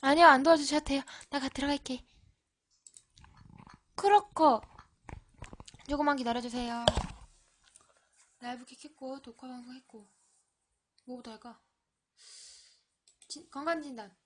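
A woman with a high voice streams a game, reading the story text aloud and then murmuring softly to herself as she plays. The talk is casual and mostly quiet, as if she is thinking out loud. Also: fairly even intonation, a little slow, pauses often.

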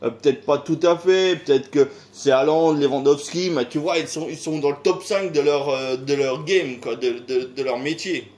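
A French-accented YouTuber in middle age talks at a normal speed with few pauses in a rambling, casual monologue. His voice is on the high side, with a darkish tone. Despite the steady flow, he sounds hesitant, full of sighs, fillers and rhetorical questions.

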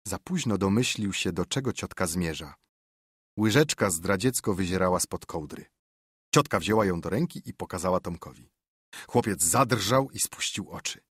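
A man narrating an audiobook with expressive storytelling into a studio mic. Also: low voice, normal speed, husky, dry recording. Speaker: audiobook reader. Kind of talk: scripted narration.

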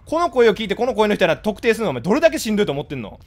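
A man with a Kansai accent chatting casually with his live-stream viewers, blunt and scolding in rapid-fire retorts. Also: high voice, wildly swooping pitch. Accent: Kansai Japanese.

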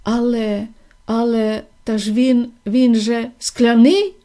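A woman reading a storybook aloud and voicing an excitable old grandfather who blurts out loud, breathless exclamations. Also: on the high side, takes it slowly. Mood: panicked. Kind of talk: audiobook reading.

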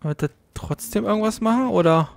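A let's play host giving live gameplay commentary. They soothe and coax the companion creature in a soft voice, then mutter to themself, puzzled and a little frustrated. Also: medium pitch, expressive, brisk, gravelly.

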